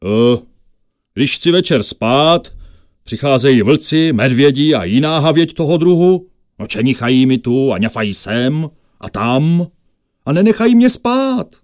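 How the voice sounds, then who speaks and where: A man voicing a huge, grumpy giant in a storybook tale, speaking loud, slow and grumbling. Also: mid-range voice, very animated, no echo, clean studio sound, voice pushed up, close to an everyday voice. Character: huge grumpy male giant, sleepless and fed up.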